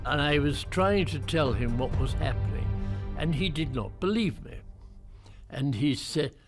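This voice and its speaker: An older man from Jersey recalling the past in an interview, speaking deliberately and wryly. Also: on the high side, animated, over music. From Jersey, Channel Islands. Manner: slow, deliberate, wry. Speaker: eyewitness interviewee. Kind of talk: recollection in an interview.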